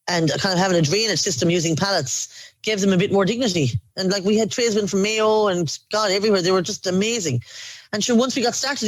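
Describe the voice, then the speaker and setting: A woman's voice: medium pitch, dry recording, rough recording. An Irish woman, an aid volunteer, recounting her experiences in an earnest, emphatic documentary interview.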